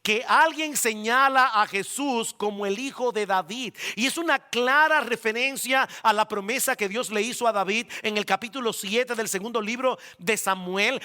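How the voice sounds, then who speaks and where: A male pastor preaching a sermon, speaking emphatically straight to his congregation and slowing down to stress key words. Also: very high voice, pushed and bright. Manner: emphatic, addresses the congregation directly.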